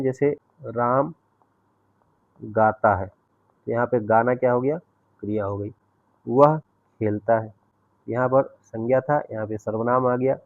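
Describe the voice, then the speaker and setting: Man, grammar teacher, step-by-step explanations, mid-pitched voice, dry lo-fi recording. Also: no echo. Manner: explains step by step, often checks with "ठीक है". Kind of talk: grammar lesson explaining with examples.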